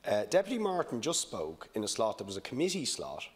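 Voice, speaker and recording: An Irish man making a procedural protest in parliament, insistent and halting, repeating himself. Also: mid-range voice, huge pitch swings. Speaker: opposition parliamentary deputy.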